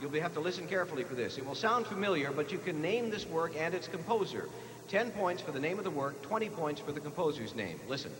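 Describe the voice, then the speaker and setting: On a noisy old TV broadcast from an echoey hall, a man with an American accent runs a live quiz, putting questions to the players. His fairly high voice is expressive and his pace is quick.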